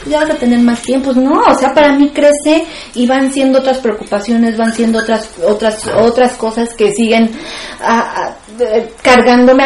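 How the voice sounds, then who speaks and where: A woman's voice: fairly high pitch, a little mellow, slight background noise. Frank woman in an echoey room. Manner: frank, reflective, wry humor. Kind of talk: casual candid conversation.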